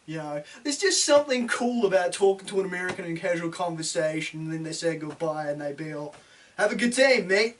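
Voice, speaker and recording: A man's voice: on the high side, quick pace, hardly any pauses, far from the mic. A man with a broad New Zealand accent delivering a blunt, sweary, sardonic opinion rant, full of slang. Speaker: opinion video host.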